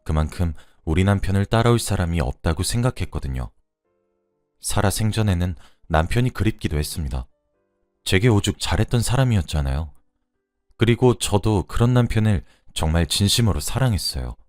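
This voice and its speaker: A man's voice: low voice, expressive, fairly quick, a little mellow, no room sound, clean studio sound, faint music behind. A man reading out a first-person true story as scripted narration.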